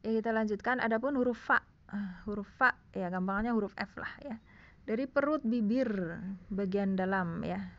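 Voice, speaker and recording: A woman's voice: mid-range voice, normal speed, highs cut off. A woman teaching a recorded lesson, explaining casually and checking in often with her listeners. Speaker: Quran recitation teacher. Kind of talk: screen-recorded online lesson.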